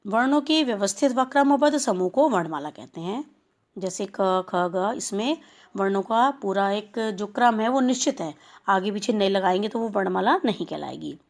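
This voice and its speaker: Woman, school teacher, recorded lesson for children, patient, sounds out examples, middle pitch. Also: animated. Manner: slow, explanatory, spelling out sounds.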